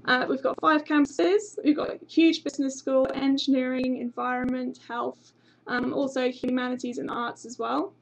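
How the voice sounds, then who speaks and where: The audio is poor, and the young woman's voice sits high. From a small office with a banner behind her, she presents a university webinar through a desk webcam. She is from England, with an English accent slightly tinged Australian, and her manner is chatty and informative, with frequent ums.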